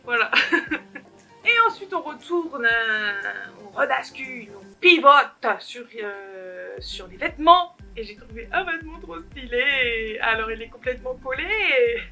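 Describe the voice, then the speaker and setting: A woman's voice: high-pitched, expressive, slow, bright, forceful tone, faint music behind. A young woman vlogger talking alone to the camera in a casual haul video, giggly and rambling, poking fun at herself. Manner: giggly, rambling, self-mocking. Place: alone at home.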